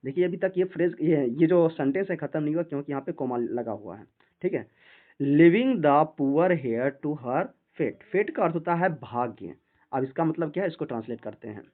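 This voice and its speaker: A man teaching English reading to Hindi speakers. He reads each English sentence slowly, then explains it word by word in Hindi. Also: on the high side, expressive. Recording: tinny phone-like sound.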